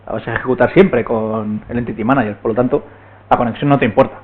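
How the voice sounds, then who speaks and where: A man's voice: mid-range voice, steady tone, fast. A man giving a technical talk at a meetup, explaining step by step and often checking in with the room. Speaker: meetup speaker. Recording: tinny, phone-like recording.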